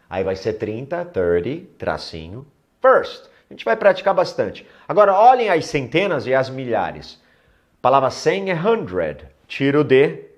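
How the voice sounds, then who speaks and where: A man with a Brazilian Portuguese accent teaching a recorded English lesson, drilling words slowly and joking with learners. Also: mid-range voice.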